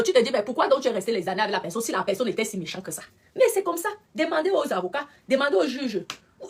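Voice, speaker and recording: A woman, giving casual live-stream commentary, talking straight to her viewers and repeating her points for emphasis. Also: sits high.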